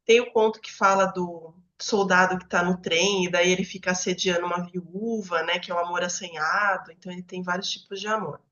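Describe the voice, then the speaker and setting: A woman's voice: on the low side, steady tone, brisk, few pauses, fairly bright tone, roomy sound, lo-fi sound. Brazilian woman explaining like a teacher. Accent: Brazilian Portuguese. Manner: conversational, often checks in with "né?". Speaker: book club host and educator.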